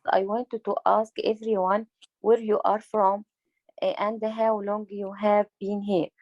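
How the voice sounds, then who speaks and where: A woman speaks slowly and deliberately, with small hesitations. She leads her classmates in a discussion, and her mid-range voice sounds dry and close. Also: medium pitch, flat delivery, no echo, dull audio. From Egypt. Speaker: adult English learner leading a class talk.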